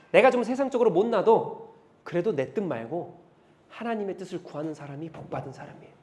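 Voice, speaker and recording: High-voiced, emphatic male preacher. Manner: emphatic, rhetorical questions, swings from loud to hushed. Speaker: pastor. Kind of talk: sermon.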